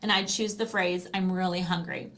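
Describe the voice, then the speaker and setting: A woman's voice: lowish voice, fairly even intonation, normal speed, fairly bright tone. A middle-aged American woman explaining a language program in a casual, chatty and encouraging way. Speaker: language program presenter and guest. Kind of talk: casual explanatory product demonstration.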